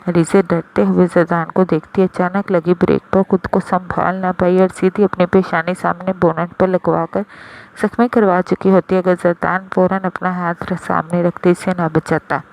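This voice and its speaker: A narrator reading a romance novel aloud in a steady storytelling cadence. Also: medium pitch, normal speed, gravelly, low-quality recording. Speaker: audiobook narrator.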